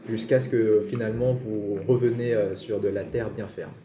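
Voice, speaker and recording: Very mellow, hesitant male game master. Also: on the low side, fairly even intonation, moderate pace. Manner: hesitant, searching for words. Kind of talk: improvised tabletop game narration. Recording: roomy with faint noise.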